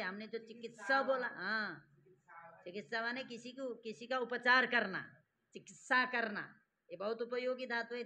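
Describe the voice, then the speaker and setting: Bright-voiced male teacher drilling a class. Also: very high voice. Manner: drills students, has them repeat forms aloud. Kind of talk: classroom grammar lesson.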